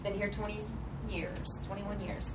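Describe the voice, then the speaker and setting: A woman's voice: medium pitch, flat delivery, measured pace. Earnest woman sharing a story, distant. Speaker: church group member. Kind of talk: casual testimony. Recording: distant voice with background noise.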